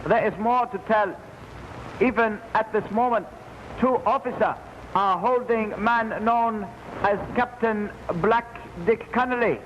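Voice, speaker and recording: Servile henchman: high, deferential, broken English; muffled, reverberant 1950s TV broadcast sound. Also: measured pace, fairly bright tone, slight background noise. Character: servile male henchman reporting to his master. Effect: dull, echoey 1950s TV broadcast recording.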